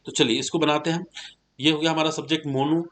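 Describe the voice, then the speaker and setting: Patient male grammar teacher, slightly high voice. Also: steady tone, fairly bright tone. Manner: patient, explains step by step, asks students questions; slows down to dictate English words one at a time. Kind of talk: classroom lesson in spoken Hindi.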